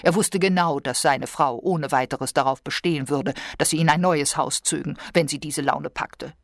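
A woman calmly narrating a story as an audiobook reader. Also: low-pitched, normal speed, no room sound, clean studio sound.

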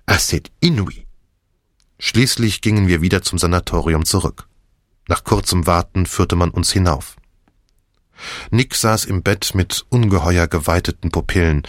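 Male audiobook narrator, low voice, measured delivery, dry studio sound. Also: dry recording. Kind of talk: scripted narration.

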